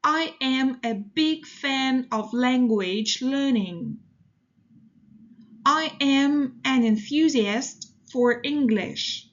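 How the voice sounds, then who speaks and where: Woman English teacher with a high voice, reading example phrases slowly and steadily for learners. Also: lo-fi sound. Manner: slow, deliberate, evenly paced reading. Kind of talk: reading model sentences for learners.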